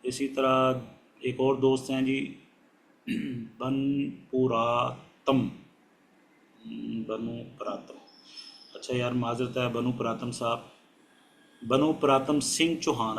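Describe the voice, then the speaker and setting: A man hosting an online session, greeting each listener politely by name and pausing to sound out the names he finds hard. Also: medium pitch, slight background noise. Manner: polite and courteous, ends phrases with "ji" and sounds out names slowly. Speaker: host of an online motivational session. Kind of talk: casual live-session welcome.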